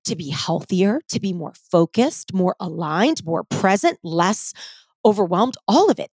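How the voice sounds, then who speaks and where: A woman's voice: mid-range voice, husky, no room sound. Emphatic woman podcaster, dry close sound. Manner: emphatic, with slang and swearing; pauses between short, repeated phrases for emphasis. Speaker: podcast host. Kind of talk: motivational solo podcast talk.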